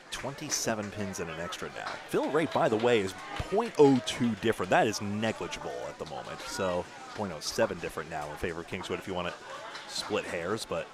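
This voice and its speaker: A man doing live play-by-play commentary for a bowling match, with lively bursts of excitement on big shots. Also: on the low side, background noise.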